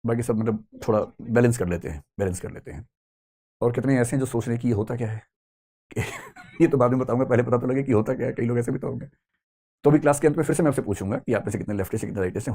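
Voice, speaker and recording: Fast-talking male lecturer, mellow low voice. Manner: conversational, asks the class questions. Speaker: teacher. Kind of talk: classroom lecture. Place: classroom.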